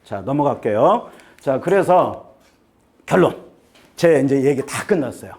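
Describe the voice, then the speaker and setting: Lively, joking man lecturing parents. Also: mid-range voice, measured pace. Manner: joking, chatty, keeps asking the audience to agree. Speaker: admissions consultant giving a talk to parents. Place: seminar room with an audience.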